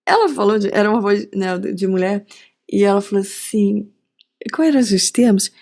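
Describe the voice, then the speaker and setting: Carioca woman telling lively stories. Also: mid-range voice, normal speed, creaky. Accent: Carioca Brazilian Portuguese. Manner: lively storyteller, acts out quoted dialogue, frequent tag questions. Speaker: podcast guest, digital marketing strategist. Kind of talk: casual conversational interview.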